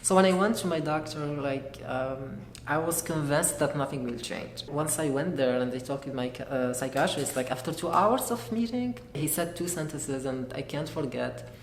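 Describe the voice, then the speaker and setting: A young man from Algeria, giving an earnest, halting personal testimony as a graduate student. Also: fairly high pitch. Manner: earnest, halting, searching for words. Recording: echoey room with faint noise.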